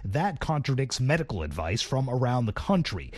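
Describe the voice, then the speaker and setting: A man correspondent delivering a crisp, scripted news report. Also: medium pitch, very animated, moderate pace, darkish tone, dry recording. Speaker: Washington correspondent.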